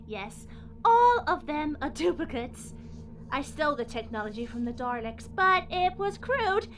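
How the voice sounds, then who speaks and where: A woman playing a smug, cold villainous scientist who taunts in a drawn-out, theatrical way in an audio drama. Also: high-pitched, sing-song, fairly bright tone, full character voice. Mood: gloating.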